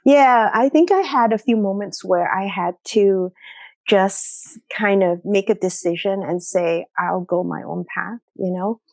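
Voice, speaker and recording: A woman's voice: medium pitch, a little slow, darkish tone, no echo, soft background music. A middle-aged woman from Singapore, a doctor talking through her path as a podcast guest, reflective and often tagging "you know" and "right?". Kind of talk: conversational interview.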